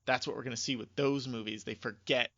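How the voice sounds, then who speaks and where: On a casual podcast discussing video game movies, a male co-host talks at a quick pace in a steady, mid-range voice that's a bit bright. His opinions are emphatic and informal, and the recording is close, slightly dull, and echo-free.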